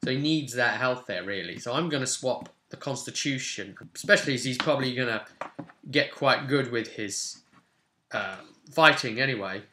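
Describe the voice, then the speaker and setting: In a small home room with a roomy echo and some hiss and clicks, a tabletop roleplay host in his twenties rolls a game character. He chats casually, thinking aloud to explain the game to viewers, in a bright, forceful mid-range voice at a moderate pace.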